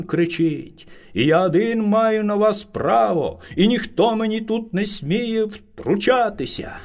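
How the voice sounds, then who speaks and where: A little hare in a storybook tale bows and pleads with great courtesy, as a man reads him aloud. The delivery is unhurried and the pitch rises and falls lively. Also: gravelly, full character voice. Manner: very polite, flattering. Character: small timid but clever male hare.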